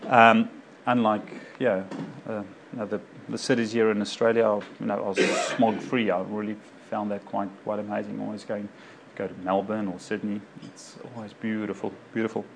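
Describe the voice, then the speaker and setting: This South African doctor, addressing a local community group, has a lowish, creaky voice with a level tone and moderate pace. His informal personal talk rambles through fillers and corrections, with background noise audible.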